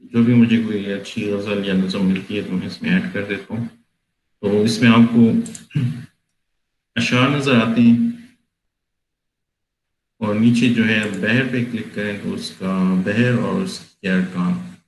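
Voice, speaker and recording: A man tutoring on poetic meter, explaining slowly and patiently with many pauses during a screen-share session. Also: on the low side, fairly even intonation, roomy sound, a little hiss or hum, rough recording. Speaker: tutor explaining Urdu prosody software.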